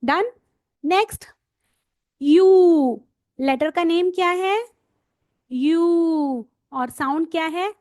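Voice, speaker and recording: Recorded dry with studio quality, this woman speaks in an extremely high pitch while explaining phonics to parents and teachers. She draws each letter sound out slowly and repeats it so her audience can imitate.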